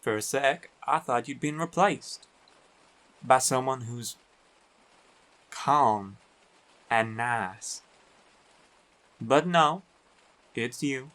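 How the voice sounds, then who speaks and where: Here a man plays a teasing, affectionate biker werewolf boyfriend, a big guy, in an intimate roleplay recording. He speaks slowly and colloquially in a medium, somewhat bright voice with a playful, teasing mood, though the audio quality is poor.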